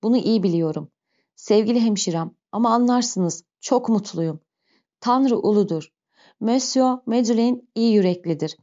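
A sick young mother from a storybook pleads for her child in urgent outbursts, voiced by a woman reading aloud. The tone is dark and mellow. The recording sounds dull and lo-fi. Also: a little high, moderate pace, natural voice. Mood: elated.

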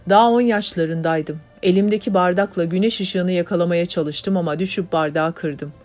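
A woman voicing a young male worker who talks in a sweet, soft-spoken way. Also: on the low side, normal speed, lightly acted. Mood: gentle. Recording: dull lo-fi audiobook, faint music.

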